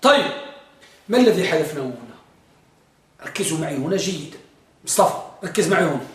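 Guy teaching grammar in class, high voice, keeps quizzing students and drawing out examples, sounds far off. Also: sing-song. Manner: quizzes students, repeats examples slowly with emphasis. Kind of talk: classroom lesson. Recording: echoey room from far off.

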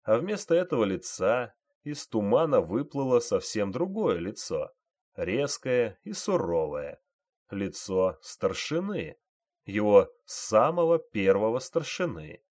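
Male audiobook narrator, low voice, lively slow delivery. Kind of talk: scripted narration.

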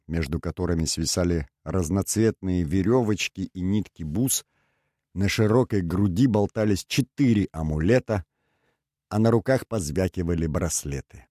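A man narrating an audiobook with measured, even storytelling. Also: lowish voice, dry recording, clean studio sound. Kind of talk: scripted narration.

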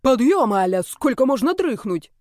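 Lady doing a loud bossy snake dude, higher and pushy, dry close sound. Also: lively intonation, normal speed, no echo, close to an everyday voice. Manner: bossy, shouting, teasing. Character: pushy fashion-mad male snake creature.

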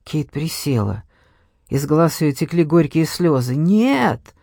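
A man's voice: a little high, a little slow, mellow, husky, no room sound. Man narrating a novel, dry close voice. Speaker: audiobook narrator. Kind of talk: scripted narration.

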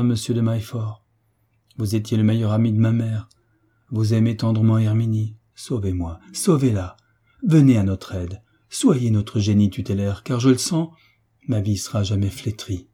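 A man's voice: medium pitch, normal speed, mellow, slightly rough, natural voice. A man reading the part of a young orphaned heiress who pleads earnestly in a storybook reading. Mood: pleading. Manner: earnest, imploring.

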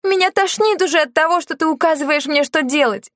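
A woman reading a novel aloud, voicing a distraught teenage girl who pleads and shouts. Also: extremely high pitch, expressive, slow, no room sound, clean studio sound, voice pushed up, exaggerated voice. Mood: bitter. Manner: pleading, shouting through tears. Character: upset teenage girl, desperate and defiant.

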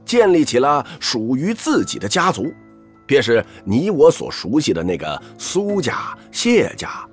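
In an audio drama, a male actor voices Su Zhe, a wry, theatrical older assassin uncle, with a slow, storyteller-like drawl scattered with interjections. His pitch swoops dramatically with huge swings, and music plays behind him in this storytelling mood.

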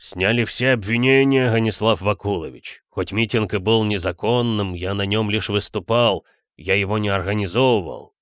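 A man's voice: sits low, a little slow, fairly bright tone, no echo, studio quality. A man voicing a wine-drinking revolutionary poet and geologist who speaks with a slight burr on his r. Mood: dismissive.

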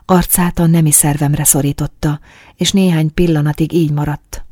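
Breathy, intimate woman narrator. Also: low voice, flat delivery, dark tone, dry recording, clean studio sound. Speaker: audiobook narrator. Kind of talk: first-person scripted narration of an erotic story.

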